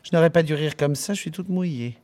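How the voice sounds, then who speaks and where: A man voicing a scornful, haughty young barmaid in an audiobook reading, in a shrill, raised falsetto. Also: sing-song, a little fast, a little mellow, dry recording. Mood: breathless. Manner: shrill and exasperated.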